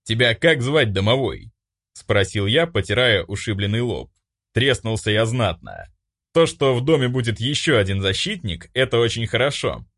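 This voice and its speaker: A man narrating a first-person audiobook, expressive and acting out his own lines. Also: on the low side, moderate pace.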